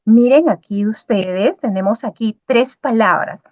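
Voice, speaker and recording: A woman's voice: fairly high pitch, unhurried, darkish tone, no room sound. Peruvian woman, online lecturer, emphatic and repetitive, praising students by name, muffled dry video-call sound. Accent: Peruvian Spanish. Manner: checks in with students constantly, praising chat answers by name; repetitive, emphatic teaching cadence. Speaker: university workshop lecturer. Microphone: video call microphone.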